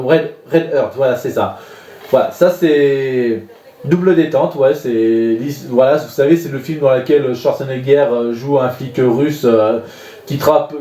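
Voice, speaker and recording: A man talks through films from his collection in a loose, rambling way, often stopping and starting over. His voice is dark and mellow. The room gives it a noticeable echo. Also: medium pitch. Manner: rambling, many fillers and restarts. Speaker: DVD collection vlogger. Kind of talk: casual spoken film reviews.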